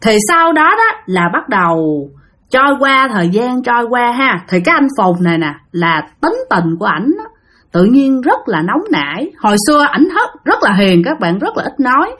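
Lively woman with a Southern Vietnamese accent. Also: a little high, normal speed. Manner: chatty, addresses listeners directly. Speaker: storyteller. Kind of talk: spoken ghost story narration.

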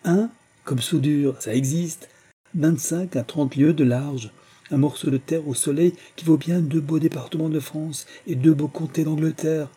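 A man's voice: steady tone, a little slow, dark tone, breathy edge. A man doing a boastful old professor. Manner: exclamatory, lecturing, raised pitch.

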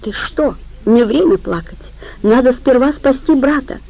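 Weak, anxious young sister, voiced by a woman; gravelly, mellow. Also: high voice, measured pace, voice pushed up, heavily acted, rough recording. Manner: anxious, questioning.

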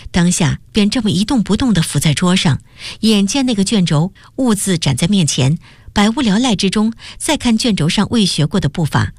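A woman presenting a radio program and reading a novel aloud in a measured, expressive storytelling manner. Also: medium pitch, slightly rough, dry recording, studio quality.

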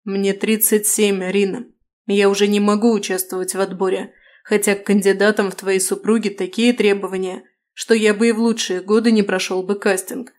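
A woman's voice: medium pitch, level tone, moderate pace, darkish tone, lightly acted. A woman reading the lines of an anxious, normally composed male doctor in his late thirties, speaking in an agitated, pleading way. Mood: sad. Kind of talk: audiobook dialogue reading.

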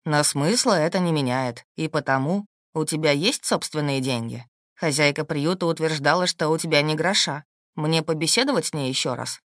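A woman reading an audiobook, voicing a calm, shrewd and protective husband in a steady, dry, matter-of-fact way. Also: low voice, normal speed, no echo, pitched below the performer's own voice, lightly acted. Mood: calm, firm. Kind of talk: audiobook character voice.

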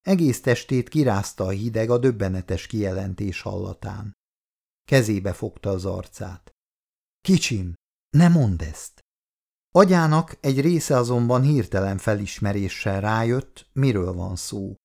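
Brief: male audiobook narrator, low, gravelly, calm and measured.

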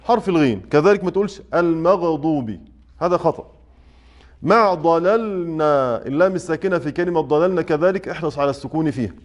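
A man with an Egyptian Arabic accent teaches a tajweed lesson to a mosque study circle. He explains point by point, checks in with the class, and chants the quoted verses slowly. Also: on the high side, darkish tone. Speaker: Quran recitation teacher.

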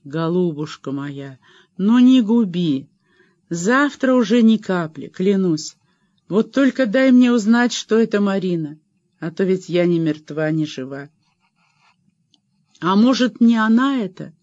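A man's voice: high-pitched, animated, unhurried, a little mellow, no room sound, muffled recording, voice pushed up. Man voicing a desperate drunk woman. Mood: pleading. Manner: wheedling, tearful.

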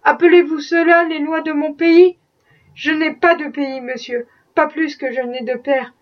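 A woman's voice: sits high, steady tone, measured pace, recorded from a distance, highs cut off. A woman voicing a desperate young enslaved man fleeing to freedom, with impassioned, defiant pleading.

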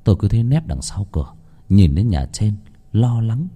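A man narrating a first-person ghost story with a lively, dramatic telling. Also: lowish voice, moderate pace.

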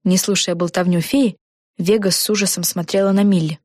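A woman narrating a children's storybook in an even, clear manner. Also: on the low side, a little fast, no room sound, studio quality.

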